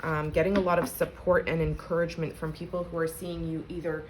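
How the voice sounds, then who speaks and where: Low-voiced woman giving a chatty tarot reading. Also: little pitch movement, fairly quick, background noise. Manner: chatty, conversational, addresses viewers directly. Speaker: tarot reader. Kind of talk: casual collective tarot reading.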